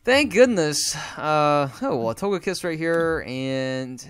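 A young man talks through his card game match in a casual, rambling way, full of fillers and sudden exasperated outbursts. His voice sits a little high and swoops all over. The sound is dry and close, with no room around it. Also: expressive, slow, fairly bright tone, clean tone, no echo. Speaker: gameplay commentator. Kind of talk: casual gameplay commentary.

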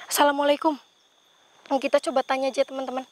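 A woman's voice: sits high, little pitch movement, fast talker, background noise. A woman vlogger narrating a night ghost hunt outdoors among trees, talking in a tense, exclamatory way to her companion.

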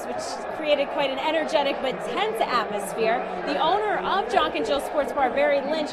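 A woman's voice: sits high, heavy background noise. A young woman giving a live TV news report into a handheld microphone. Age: young adult. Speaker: TV field reporter. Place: busy indoor sports bar. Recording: loud crowded bar broadcast.

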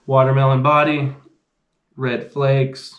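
A man's voice: medium pitch, little pitch movement, slow pace, muffled recording. Man, thirties, casual vlog host, rambling, echoey room, faint noise behind. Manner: laid-back, rambling, says "freaking" a lot. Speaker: fishing channel host. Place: small indoor gear room.

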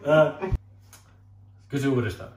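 A man in his twenties as a guest giving deadpan mock answers in a casual joking interview, often cracking up, in a small room. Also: medium pitch. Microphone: camera mic from a distance. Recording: roomy distant camera audio.

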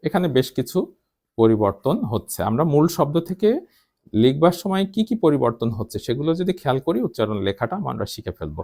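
A man teaching a Bengali pronunciation lesson, sounding out words slowly syllable by syllable. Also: mid-range voice, very animated, creaky, darkish tone. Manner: slow, deliberate syllable-by-syllable explanation.

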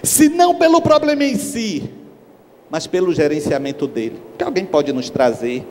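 A man's voice: high voice, normal speed. A middle-aged man giving a spiritual lecture on a stage, telling stories and acting out the people in them. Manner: lively storyteller, acts out characters. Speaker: spiritist speaker. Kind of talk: lecture with acted anecdotes. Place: large hall on a stage. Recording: echoey hall, faint background hiss.

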